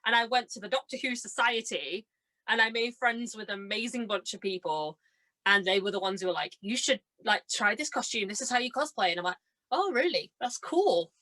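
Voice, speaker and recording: On a podcast, a woman in her twenties tells stories with bubbly, giggly enthusiasm, acting out other people's lines. Her voice sits on the high side, sharp in tone, with lively intonation and a slightly fast pace.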